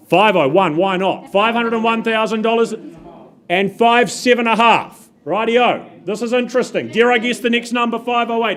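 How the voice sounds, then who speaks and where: A New man working as an auctioneer, calling bids in brisk, upbeat patter, his voice a little muffled by a face mask. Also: very high-pitched, fairly bright tone. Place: auction room.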